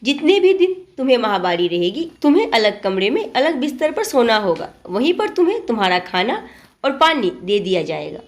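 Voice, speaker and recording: A woman's voice: on the high side, sing-song, normal speed. A woman voicing a strict, traditional middle-aged mother-in-law who lectures and scolds in a storybook tale. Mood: lecturing.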